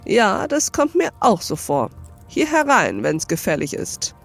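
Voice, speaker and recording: A woman reading aloud voices an old male moneylender, gruff and commanding, later hearty, for a storybook reading. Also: medium pitch, wildly swooping pitch, measured pace, faint music behind, full character voice.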